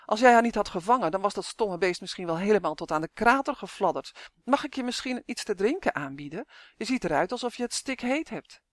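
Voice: medium pitch, expressive, brisk, no echo, studio quality, lightly acted. A storybook narrator voicing a small, bossy, chatty dwarf girl who talks eagerly and insistently.

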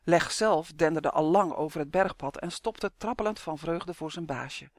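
A narrator tells a children's fantasy tale in a steady, measured storytelling voice. The pitch sits in a middle range. The recording is dry and close, with no room sound. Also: dry recording. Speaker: audiobook narrator.

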